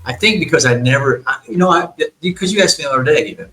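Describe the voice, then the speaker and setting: A man's voice: on the high side, expressive, very fast, sharp tone, reverberant, low-quality recording. A man in his fifties hosting a casual conversation, talking earnestly in rambling sentences with many restarts. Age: 50s. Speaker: podcast host.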